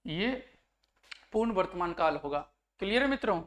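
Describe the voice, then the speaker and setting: A man's voice: high-pitched, expressive, moderate pace, a bit bright. A man teaching a grammar lesson, who keeps asking his students questions to check they follow and acts out the example sentences. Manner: explains by acting out example sentences. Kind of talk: online exam-prep lesson.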